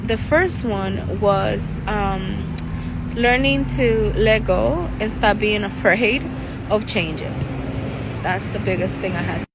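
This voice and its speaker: Earnest chatty woman, outdoor street noise. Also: mid-range voice. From El Salvador. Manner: chatty and earnest, with frequent laughs and restarts. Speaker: tarot reader and life coach. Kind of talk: casual talking-to-camera vlog. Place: outdoors in a city park. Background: passing cars and city noise.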